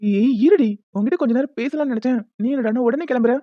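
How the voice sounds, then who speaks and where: A woman's voice: fairly high pitch, quick pace, dry recording, dull audio, lightly acted. A woman voicing a teasing young man in a cartoon who banters with amusement. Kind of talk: animated cartoon voice acting.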